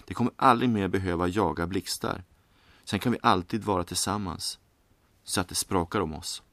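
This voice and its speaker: An excitable eccentric inventor speaks of his creations warmly and confidingly, played by a male narrator. The voice is low, with a vague Eastern European and American tinge. It is recorded dry and close. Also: no room sound. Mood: enthusiastic. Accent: faint, vague Eastern European and American. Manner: enthusiastic, warm, confiding.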